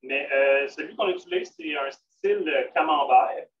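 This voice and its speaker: A vegan restaurant cook with a Québécois French accent runs a live cooking demo, casual and full of fillers and restarts. His voice sits on the high side at a normal speed. The audio is roomy, distant and dull, with faint noise.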